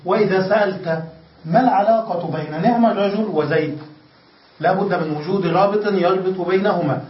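A man with a high-pitched voice, speaking fairly quickly, teaches grammar to a class, going step by step, repeating himself and continually checking comprehension. The recording comes from a distant lo-fi mic in an echoey room.

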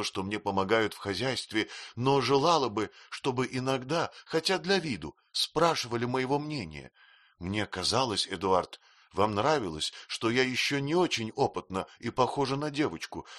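A gentle, easily frightened young wife speaks in a raised, soft, pleading voice, put on by a man reading the tale. Her lines rise and fall in lively swings, and the tone stays bright. The recording is dry and close. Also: no echo, lightly acted. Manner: plaintive, pleading, high soft voice.

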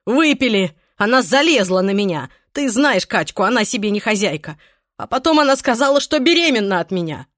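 A woman's voice: medium pitch, sing-song, fairly quick, a bit bright, no room sound. An obsessive young man speaks in an audiobook, swinging between desperate pleading and cold threats, voiced by a woman narrator. The recording is dry and close, with no room sound.

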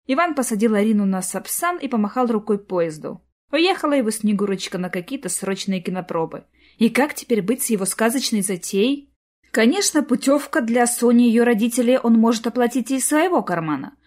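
A woman narrating a novel as an audiobook, with expressive storytelling. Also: fairly high pitch. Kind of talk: scripted narration.

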